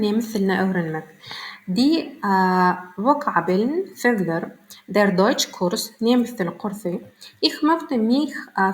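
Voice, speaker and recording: Woman, Turkmen native, hobby language tutor, unhurried teaching voice, echoey room. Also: mid-range voice. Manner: reads German phrases slowly, then translates quickly into Turkmen. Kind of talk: bilingual vocabulary lesson.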